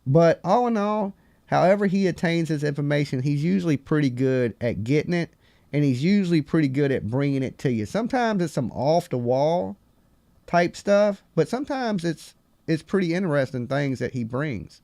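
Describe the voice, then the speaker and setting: A man's voice: fairly high pitch, expressive, normal speed, mellow, no room sound. Folksy man with a Southern hillbilly accent. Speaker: live stream host. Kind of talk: casual live call-in chat.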